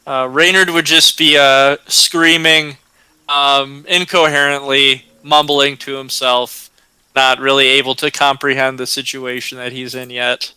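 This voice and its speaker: A man runs a tabletop game, narrating at a slow, deliberate pace with frequent ums and uhs. His voice is bright and very clear, recorded close and dry. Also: mid-range voice, little pitch movement, dry recording, poor audio. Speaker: game master.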